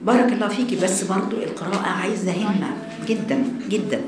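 A woman with an Egyptian accent teaching Quran recitation, correcting a student and chanting slow examples. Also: medium pitch, roomy sound. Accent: Egyptian Arabic. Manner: corrective, alternates quick Egyptian speech with slow chanted demonstrations.

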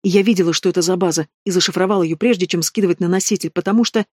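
A man's voice: sits high, racing, darkish tone, dry recording, clean studio sound. A man voicing a frightened, defiant young woman. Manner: shaken, snapping back. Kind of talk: audiobook reading.

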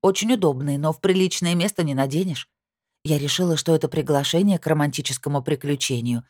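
A woman's voice: deep voice, fast talker, darkish tone, no room sound, clean studio sound. A woman voicing an aggrieved young bride who complains heatedly in an audiobook. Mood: indignant. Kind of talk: audiobook character reading.

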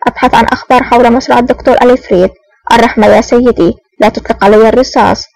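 A woman's voice: a little high, steady tone, rapid-fire, creaky, darkish tone, dry recording, low-quality recording. A woman voicing a cool, sardonic male intelligence officer in disguise in an audiobook, mocking and self-assured. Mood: pleading.

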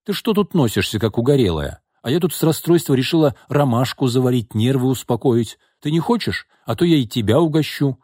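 A man's voice: medium pitch, lively intonation, fairly quick, hardly any pauses, a little mellow, no room sound, studio quality, pitched above the performer's own voice, natural voice. A man voicing a fussy, kindly older housekeeper in an audiobook, chatty and homespun. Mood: fussing. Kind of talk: audiobook character voice.

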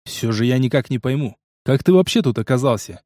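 A man's voice: medium pitch, expressive, fairly quick, a little mellow, dry recording, studio quality, close to an everyday voice. A man reading the lines of a curt, irritable male mercenary hero in an audiobook. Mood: terse.

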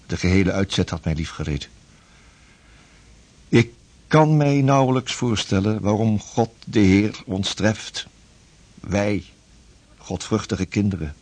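In a period radio drama, a male actor plays a devout Dutch sea captain in grief, speaking in a solemn, formal and halting way. His husky voice is on the low side and darkish, heavily acted with no room sound.

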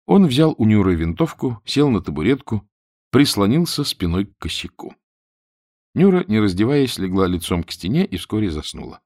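A male audiobook narrator with a fairly low voice that rises and falls animatedly as he tells a comic story. He is recorded close on a studio mic in a dry booth with no room sound. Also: normal speed, no room sound. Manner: expressive, lively storytelling. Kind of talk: scripted narration of a humorous novel.

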